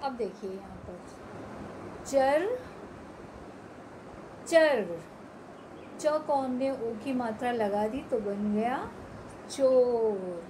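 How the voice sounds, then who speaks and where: A woman teaching young children, stretching each drill word out slowly and clearly. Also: on the high side, noisy background. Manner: slow, drawn-out word-by-word pronunciation drills. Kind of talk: Hindi phonics lesson for young children.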